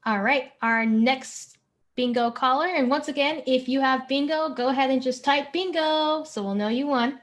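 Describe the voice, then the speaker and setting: Running a family-friendly online bingo game, the host talks at normal speed in a high-pitched voice. She chats warmly, encourages players, and stretches out the words as she calls them.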